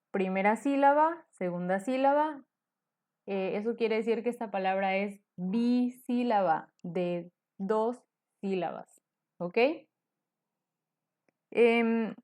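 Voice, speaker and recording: Slow, patient woman teaching a lesson. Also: medium pitch, darkish tone. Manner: slow, patient, asks "ok?" after nearly every phrase. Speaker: English teacher. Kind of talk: online lesson explaining syllables to students.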